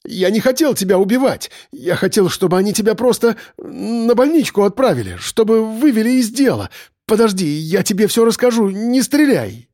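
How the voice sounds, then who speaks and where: A man's voice: high voice, very animated, normal speed, mellow, pitched above the performer's own voice. A man voicing a panicky male cop who stammers and pleads at gunpoint. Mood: pleading.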